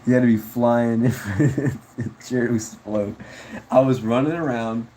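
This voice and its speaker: A man's voice: mid-range voice, measured pace, mellow, slight background noise, low-quality recording. A man chatting casually on a livestream, rambling laid-back about viewer comments and calling people bro and dude. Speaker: streamer.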